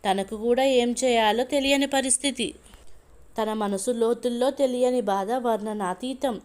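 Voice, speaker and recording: A woman storyteller reading a family story aloud in a steady, even way. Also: on the high side, measured pace. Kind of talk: scripted storybook narration.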